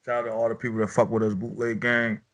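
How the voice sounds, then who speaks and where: A man's voice: medium pitch, little pitch movement, fast talker, a bit bright. A man hosting a casual chat about battle rap, loose and profane, often repeating himself as he rambles. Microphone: own podcast mic.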